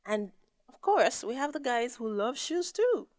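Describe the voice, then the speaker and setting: A woman's voice: on the high side, big pitch swings, unhurried, a little mellow, a little hiss or hum. Cheerful smiling woman co-host. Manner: cheerful, upbeat, smiling while talking. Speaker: podcast co-host. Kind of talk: casual chat.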